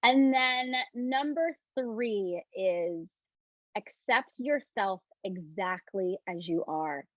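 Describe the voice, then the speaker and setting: This woman has a mid-range, animated voice, captured dry but muffled. Hosting a live online self-love session, she guides breathing and takes viewer questions, sometimes soothing and slowly repetitive for emphasis, sometimes rambling casually with lots of "like" and restarted sentences.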